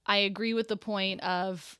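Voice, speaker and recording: A woman hosts a podcast in a casual, chatty way, encouraging her guest and jumping in with short remarks. Her voice sits at an ordinary pitch. The close microphone keeps the sound dry, with no room echo. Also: fairly even intonation, a little slow, sharp tone, smooth. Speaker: podcast host. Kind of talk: casual conversational interview.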